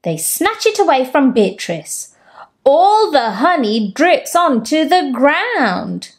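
Taking her time over every line, a woman in her thirties reads a children's picture book aloud indoors, in a room at home with bookshelves. As a storytime host, her slightly high voice swoops widely while she narrates gently and expressively, raising her pitch for character quotes.

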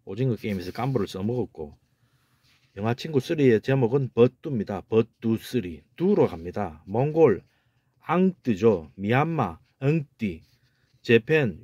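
A man's voice: mid-range voice, mellow, slightly rough, no room sound. Emphatic man lecturing, dry close sound. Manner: emphatic, repeats words, asks rhetorical questions. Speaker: amateur language lecturer. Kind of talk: casual video lecture.

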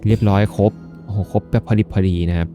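A man's voice: fairly low pitch, steady tone, quick pace, lo-fi sound, faint music behind. A man giving chatty, jokey let's-play commentary with polite sentence endings as he plays a farming game. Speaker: gaming video host.

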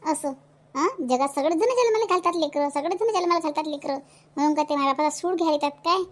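A woman's voice: high voice, fast, natural voice. A woman with a Vidarbha Marathi accent voicing a fierce, scolding widowed village mother in a cartoon. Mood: furious scolding. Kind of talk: cartoon voice acting.

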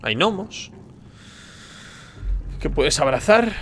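A man's voice: on the high side, very animated, slow, a bit bright, slight background noise. A man playing a horror game, muttering tensely and yelping when scared. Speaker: gaming streamer. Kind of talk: let's play commentary.

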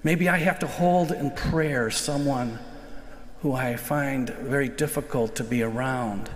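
Speaking into a lectern mic in a big church sanctuary, an older American priest gives an earnest, reflective homily in a mid-pitched male voice. He slows to emphasize important phrases, and the livestream carries a roomy, long-tailed echo.

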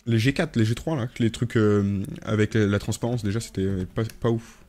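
Low, mellow-voiced man streaming a game. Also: steady tone, normal speed. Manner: rambling, many hesitations and self-corrections; joking, chats with viewers while playing. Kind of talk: casual live gameplay chat.

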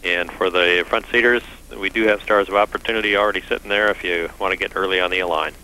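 A man's voice: low voice, fairly even intonation, fast. A man at mission control talking to astronauts over radio in procedural phrases. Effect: ground-to-space radio. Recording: sharp noisy radio link with hum.

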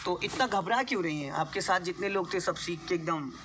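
A male driving instructor coaching a learner inside a car, patient and repetitive, giving step-by-step instructions with some gentle teasing. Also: sits high, brisk, slight background noise.

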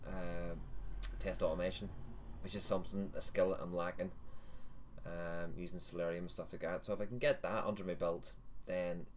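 Low-voiced Northern Irish man chatting. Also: level tone, moderate pace, a little hiss or hum. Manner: rambling, self-correcting, jokey. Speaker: host of a vaping livestream. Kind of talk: casual chat.

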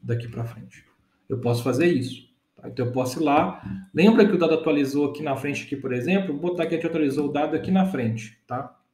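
This fairly high, darkish male voice moves at a quick pace in an echoey room. He's in his thirties, has a Brazilian Portuguese accent, and teaches a casual data engineering lesson step by step while often making sure listeners keep up.

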